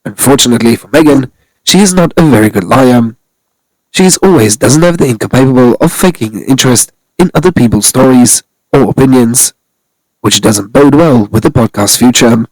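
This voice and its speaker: A man's voice: medium pitch, moderate pace, darkish tone, no echo, poor audio. A man narrating a scripted celebrity news commentary, reading steadily from articles.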